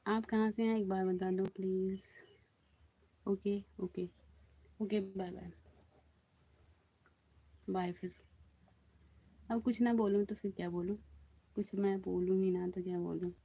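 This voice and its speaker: Slow, mellow-voiced woman chatting on a live stream. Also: medium pitch, little pitch movement. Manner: chatty, reads out and answers viewer comments. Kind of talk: casual live-stream chat. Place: quiet back room of a house.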